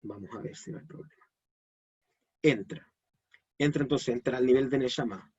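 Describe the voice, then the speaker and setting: A man's voice: mid-range voice, normal speed, a little mellow, husky, lo-fi sound. A man giving a live online Kabbalah lesson, explaining step by step and checking in with his audience. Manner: explanatory, asks the audience questions. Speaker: Kabbalah teacher.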